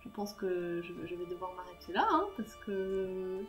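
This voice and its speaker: A woman's voice: fairly low pitch, fairly even intonation, moderate pace, faint music behind. A woman chatting casually with her viewers while live-streaming a game, self-mocking and laughing at her own mistakes. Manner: self-mocking, talks to chat, laughs often.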